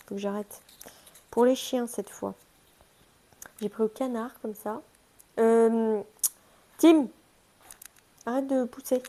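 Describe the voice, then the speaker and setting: Young woman, casual haul vlogger, chatty and self-mocking, warm low-key timbre. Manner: chatty, self-mocking, talks to her pets. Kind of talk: casual shopping haul vlog.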